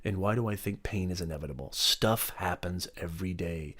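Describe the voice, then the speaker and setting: A man's voice: deep voice, a little fast, a bit bright. A middle-aged man hosting a motivational live stream, talking emphatically, repeating his points and greeting viewers by name.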